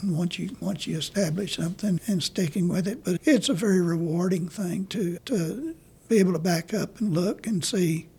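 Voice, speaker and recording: Husky, mellow-voiced older man. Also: high-pitched. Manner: rambling, halting storyteller. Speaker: artist guest. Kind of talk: casual interview talk.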